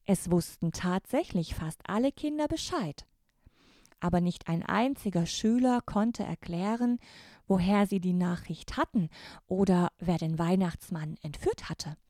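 A woman narrating a children's story in a calm, measured way, pronouncing each word clearly. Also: lowish voice, no room sound, clean studio sound.

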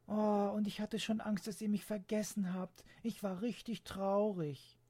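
A bright, breathy little girl's voice, put on by a man reading a storybook. She sounds wide-eyed and eager, with high squeals of delight and hushed whispers of wonder. The tone is airy and a little husky. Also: little pitch movement, unhurried. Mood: excited. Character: excited little girl turning eight.

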